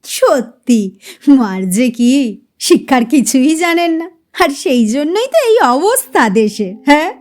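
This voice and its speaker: A know-it-all teenage boy lecturing gravely with a thick, cracking voice, as a woman storyteller puts him on. He sermonises in an audio storybook, his voice still rather high and lively. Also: unhurried. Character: pompous fourteen-year-old boy, lecturing.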